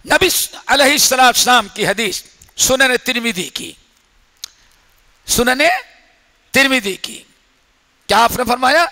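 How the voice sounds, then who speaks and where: A man preaching a sermon in a mosque, telling stories dramatically and swinging between whispers and shouts. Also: extremely high pitch, pauses often. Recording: echoey hall reverb.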